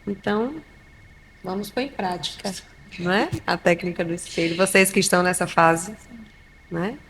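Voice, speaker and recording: A woman's voice: on the low side, moderate pace, a bit bright. A Brazilian woman mediating a podcast, speaking reflectively and often adding tag questions. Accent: Brazilian Portuguese. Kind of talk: casual chat. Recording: reverberant room with faint noise.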